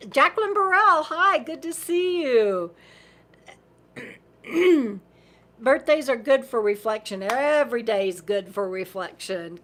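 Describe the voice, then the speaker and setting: A woman in her fifties hosts a casual livestream, reading out viewer comments while her voice gives out. Her pitch is on the high side with a fairly bright tone, and she rambles chattily, laughs often and repeats words.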